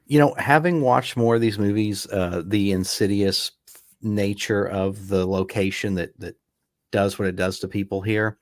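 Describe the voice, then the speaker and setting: Deep-voiced man in dry commentary. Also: moderate pace, no room sound. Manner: relaxed, rambling, talks in restarts. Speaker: podcast co-host. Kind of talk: casual film commentary chat.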